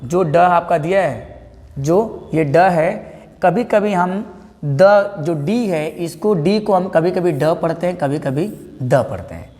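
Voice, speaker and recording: High-voiced man teaching English. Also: darkish tone, big-room sound. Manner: asks the class questions and answers them, repeats words. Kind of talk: classroom lesson.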